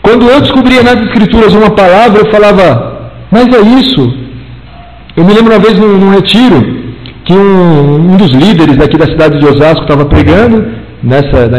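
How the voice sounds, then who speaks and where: High-voiced man teaching in a reverberant hall. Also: a little mellow. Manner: chatty storyteller, acts out dialogue with big pitch swings. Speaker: Bible teacher. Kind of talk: church class lesson with personal anecdotes.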